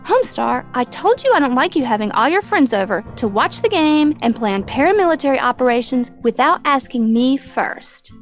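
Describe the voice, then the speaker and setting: A woman's voice: sits high, big pitch swings, normal speed, few pauses, soft background music. A woman voicing a stern, fed-up hippie girlfriend in a cartoon, scolding and reproachful. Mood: disapproving. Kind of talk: cartoon game acting.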